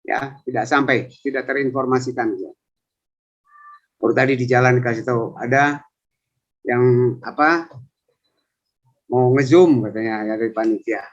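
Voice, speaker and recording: Speaking at normal speed with long pauses, a medium-pitched man in his fifties chats his way through introducing himself. He trains civil servants and is on an online coaching session, captured as lo-fi video call audio.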